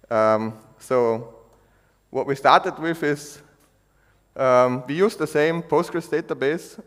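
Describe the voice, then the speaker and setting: An Austrian man with a mid-range voice gives a technical talk in a conference hall. He halts often, using many fillers and restarting sentences. The hall is echoey, with a long reverb.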